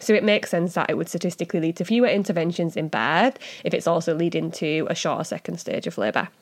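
A woman's voice: lowish voice, fast. A woman with a Hull accent talking casually as a podcast host, explaining things in a chatty, informal way with frequent asides.

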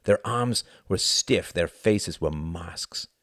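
Male audiobook narrator, very low, lively delivery, dry close sound. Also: slow pace, dry recording. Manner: expressive storytelling reading. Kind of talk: scripted narration.

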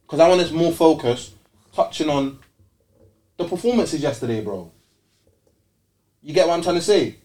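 A man's voice: on the high side, lively intonation, normal speed, long pauses, mellow, poor audio. A man with an urban London roadman accent hosting a casual football debate, emphatic and repetitive, full of street slang and rhetorical questions. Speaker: football show host.

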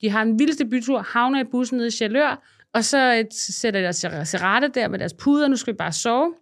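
Lively young woman telling stories. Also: on the high side. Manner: lively storytelling, acting out quotes. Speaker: podcast guest. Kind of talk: casual podcast chat.

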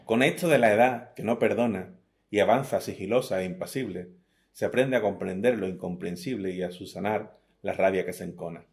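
A gravelly, lowish, darkish voice belongs to a middle-aged Andalusian poet talking fairly quickly in an interview. Joking about himself, he reads his sonnets and often starts words over.

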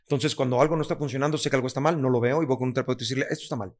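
A man's voice: medium pitch, steady tone, rapid-fire. A man with a Mexican accent, a podcast guest who speaks bluntly, swears freely and acts out other people's lines. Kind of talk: candid podcast conversation.

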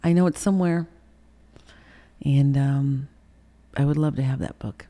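A middle-aged woman as an interview guest, telling a personal story candidly and emotionally, swearing and acting out heated quotes with sudden loud bursts. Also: a bass voice, a little slow.

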